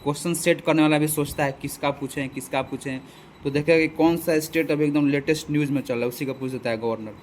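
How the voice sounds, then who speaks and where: A man's voice: on the high side, fairly even intonation, fast talker, hardly any pauses, a little mellow, slight background noise. A man from Bihar, teaching an exam-prep lesson in a casual, repetitive style, asking his viewers rhetorical questions. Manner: chatty, repeats lists, addresses viewers as bhai. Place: farm field outdoors.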